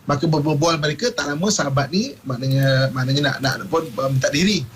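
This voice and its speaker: A man with a Malaysian Malay accent giving a radio religious talk, telling stories with lively acted-out quotes. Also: a little high, brisk, a little hiss or hum, rough recording. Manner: animated storyteller, acts out quotes, laughs often.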